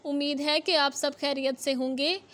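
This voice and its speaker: A woman teaching a Quran reading lesson, spelling out syllables and drawing them out slowly, then explaining the rules briskly. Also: high-pitched, fairly even intonation, fairly bright tone. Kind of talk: slow spelled-out tajweed lesson.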